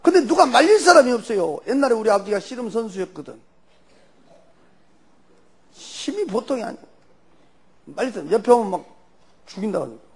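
Gravelly older man, Jeolla accent. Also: high-pitched. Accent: Jeolla Korean. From Jeolla region, Korea. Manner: animated storyteller, loose and folksy. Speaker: church elder giving testimony. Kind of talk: personal testimony storytelling.

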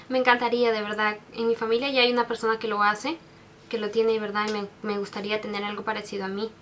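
A Peruvian beauty vlogger in her 20s answers viewer questions softly and fast, her medium-pitched voice keeping a level tone as she restarts often. Reading questions aloud for a casual Q&A tag video, she's sentimental and uses many fillers, recorded on a desk webcam in her bedroom with makeup shelves, over slight background noise.

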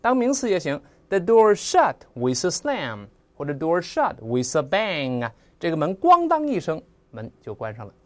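Animated teacher acting out sounds. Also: mid-range voice. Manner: mimics sounds with lively onomatopoeia; spells out and slowly repeats English words. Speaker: English vocabulary teacher. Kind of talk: recorded vocabulary lesson.

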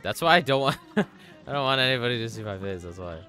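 A man live-streaming a game, excitable and laughing as he swears and thanks donors. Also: mid-range voice, fast talker, over music. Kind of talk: live gaming stream chat.

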